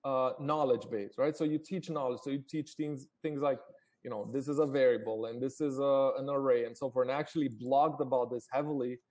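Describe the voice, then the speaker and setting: Appearing on a live call as a startup founder, this Romanian-born man in his forties talks informally, full of fillers and false starts. His medium-pitched voice stays steady in tone, comes out a little fast, and has a darkish quality.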